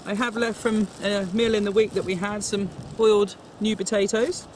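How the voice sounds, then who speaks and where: A man with a high voice talks through a cooking demonstration one step at a time, chatty and instructive. His delivery stays level, without much rise and fall. The recording is noisy, with steady outdoor sound behind him. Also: moderate pace. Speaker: cook demonstrating camp recipes. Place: outdoors at a fishing lake.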